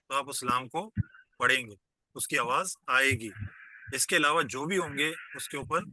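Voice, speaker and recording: Bright, dry-voiced man teaching a class. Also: medium pitch, no echo. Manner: patient, explains step by step and quizzes the class. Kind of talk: online class lecture. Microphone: video call.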